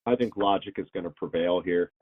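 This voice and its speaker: A man joining a sports podcast as a guest reporter, telling stories in an animated way and laughing often, heard over a tinny remote line. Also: low voice, brisk. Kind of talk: casual sports podcast chat.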